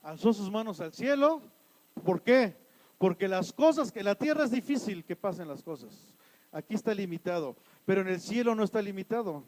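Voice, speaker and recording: A male pastor with a Mexican accent delivering a church sermon. His voice sits high for a man. He fires rhetorical questions at the congregation, then swings from forceful loud points to quiet asides. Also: animated, moderate pace, poor audio. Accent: Mexican Spanish.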